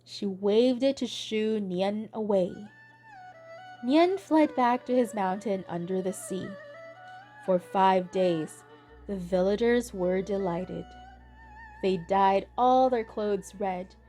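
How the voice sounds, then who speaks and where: Slow, deliberate storybook reader woman. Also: mid-range voice. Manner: slow, gentle, deliberate reading. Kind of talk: children's read-aloud narration. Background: soft instrumental music.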